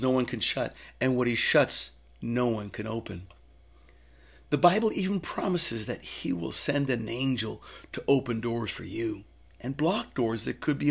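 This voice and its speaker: A man in the role of a minister, delivering a short devotional with an earnest, storytelling manner. His voice sits in an ordinary middle register and carries a gravelly, creaky texture. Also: medium pitch, fairly bright tone.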